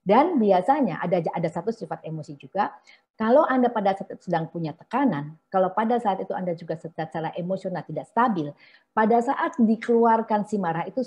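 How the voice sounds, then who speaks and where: A middle-aged woman with an Indonesian accent, a psychologist giving an online seminar, explaining patiently and slipping into hushed self-talk examples. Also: medium pitch. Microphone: video call. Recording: dull lo-fi video call audio.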